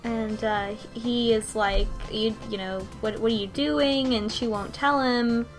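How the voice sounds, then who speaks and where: A woman with a somewhat high voice and fairly even intonation co-hosts a casual podcast, recapping a visual novel's story. She speaks unhurriedly and rambles, with lots of ums, restarts, and self-corrections, over soft background music.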